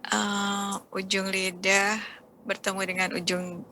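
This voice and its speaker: A woman's voice: mid-range voice, completely flat delivery, slow pace, pushed and bright. A woman studying recitation, repeating single syllables after her teacher and answering hesitantly. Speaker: adult student. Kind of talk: reciting letters in a lesson.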